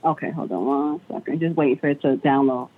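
A woman's voice: low-pitched, fairly even intonation, quick pace, husky. Hesitant woman over a tinny phone line. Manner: hesitant, unsure with computers. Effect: heard through a phone line, partly on speakerphone. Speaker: customer on a support call.

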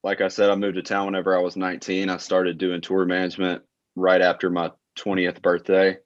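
A man in his late twenties from South Alabama with a Southern accent, telling stories as a podcast guest in a relaxed way with lots of filler words. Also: deep voice, brisk, no room sound, highs cut off. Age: late 20s. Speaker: guest, tour manager. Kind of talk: casual interview chat.

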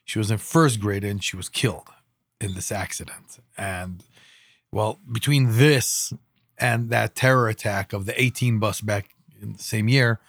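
A man of about fifty from Israel, a podcast co-host, telling personal stories casually and haltingly. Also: fairly low pitch, fairly bright tone, dry recording, clean studio sound. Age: around 50. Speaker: podcast co-host and emergency responder.

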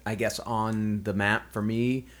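A man's voice: on the low side, flat delivery, slow, fairly bright tone. A man co-hosting a casual film podcast, rambling with fillers and self-corrections. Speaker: podcast co-host.

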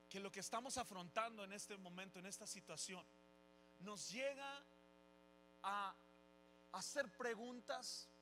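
A man's voice: high-pitched, bright, forceful tone, a little hiss or hum, rough recording. A man preaching a sermon as pastor, delivering impassioned, pleading rhetorical questions to his congregation.

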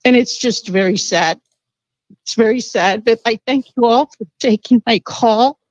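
A woman's voice: a little high, a little slow, a little mellow, dry recording. A woman phones in to a show and talks in a heartfelt, informal way. Her audio is somewhat dull and very dry. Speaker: caller. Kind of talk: heartfelt casual talk.

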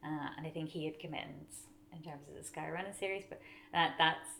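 Low-pitched Donegal woman, chatty and a bit creaky. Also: fairly even intonation, fairly quick, a bit bright, slight background noise. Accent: Donegal, north-west of Ireland. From Donegal, Ireland. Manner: chatty, self-deprecating, often laughs while talking. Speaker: interview guest, mountain runner. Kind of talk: casual chat, telling race stories.

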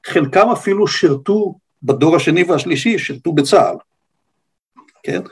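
An older man with an Israeli accent and a slightly husky voice, giving an unscripted historical account as a guest, in halting, deliberate phrases. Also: on the high side, animated. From Israel, grew up on a kibbutz.

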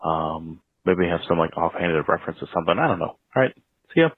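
Man on a landline phone, very low voice, tinny phone line, dry sound, rambling with lots of ums. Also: expressive, quick pace, husky, dry recording. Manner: rambling, hesitant, many ums. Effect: over a landline phone. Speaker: caller. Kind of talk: voicemail message to a podcast.

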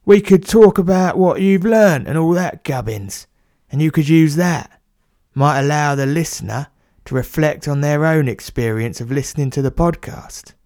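A man's voice: on the high side, moderate pace, a little mellow, no room sound, natural voice. A man doing a cheeky plumber, blunt and matey, tossing out slang with a grin in his voice. The sound is bone-dry and close to the mic, like a small studio booth. It is a comic audio story. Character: cheeky working-class male plumber, blunt.

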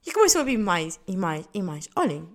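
A woman's voice: lowish voice, sing-song, brisk. A young adult woman with a European Portuguese accent, hosting a podcast and telling a story in casual chat, laughing often and swearing freely in slangy speech. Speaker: podcast host.

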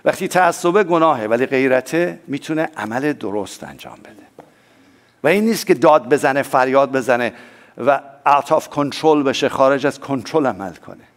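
A man preaching a sermon as pastor, swinging between loud emphatic lines and soft low asides, and calling on the congregation to respond. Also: lively intonation.

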